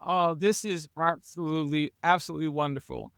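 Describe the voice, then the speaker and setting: A man co-hosting a podcast, asking chatty, halting questions. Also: fairly high pitch, steady tone, a bit bright, clean tone, dry recording, clean studio sound. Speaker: podcast co-host. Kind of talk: casual interview questions.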